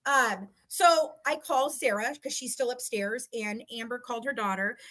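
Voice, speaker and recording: A woman with a fairly high, slightly bright voice recounts a legal dispute as a guest, telling the story casually and with animation at a normal speed. She is emphatic, swears freely and acts out both sides of conversations, though the audio quality is poor.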